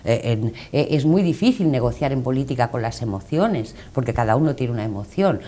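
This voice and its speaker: A woman's voice: rumbling low, animated, brisk, mellow, slight background noise. A woman with an Andalusian accent questioning guests as interviewer in a political interview. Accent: Andalusian Spanish.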